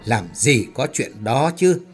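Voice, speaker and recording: A man's voice: medium pitch, animated, slow pace, husky, faint music behind. A man voicing a level-headed male foreman who brushes off talk of ghosts. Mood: skeptical. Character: calm, skeptical male foreman.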